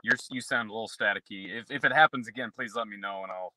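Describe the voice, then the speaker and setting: A man's voice: fairly low pitch, quick pace, sharp tone. A man joining a casual sports talk show remotely, apologetic while he fiddles with his connection, heard over a crackly, staticky call line. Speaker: regular co-host joining remotely.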